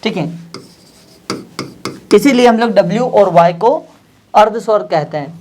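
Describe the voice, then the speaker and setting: A man's voice: sits high, animated, unhurried, a little mellow, slight background noise. A man teaching a language lesson, patiently repeating each phrase and word and asking his listeners questions he then answers himself. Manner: addresses listeners directly, asks and answers his own questions.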